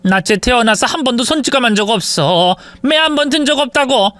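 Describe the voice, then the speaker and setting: A woman's voice: fairly high pitch, expressive, brisk, fairly bright tone, no room sound, pitched above the performer's own voice. A narrator voicing a frantic older mother-in-law who pleads and wheedles in a spoken-story drama. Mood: pleading.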